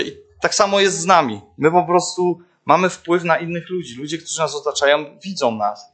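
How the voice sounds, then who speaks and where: Young male preacher, slightly high voice, casual halting sermon full of fillers. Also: a bit bright. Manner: hesitant, many fillers and restarts, addresses listeners directly. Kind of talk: informal sermon.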